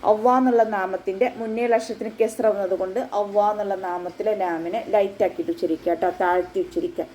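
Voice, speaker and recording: A woman's voice: medium pitch, steady tone, fast, darkish tone, a little hiss or hum, rough recording. A woman Quran teacher giving a patient, step-by-step tajweed lesson, often checking that her students follow. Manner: patient step-by-step instruction, with frequent checks for understanding.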